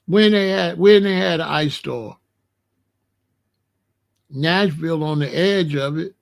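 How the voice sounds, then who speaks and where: American man, high voice, middle-aged or older, casual online host, emphatic, repetitive, colloquial phrasing. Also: slow, vocal fry. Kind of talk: casual livestream chat warning viewers about weather.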